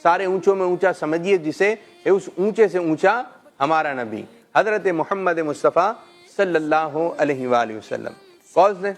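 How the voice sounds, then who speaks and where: A middle-aged man hosting a children's call-in show, gently quizzing kids and praising them often. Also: on the high side, faint music behind. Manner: gentle, coaxing questions, frequent "mashallah".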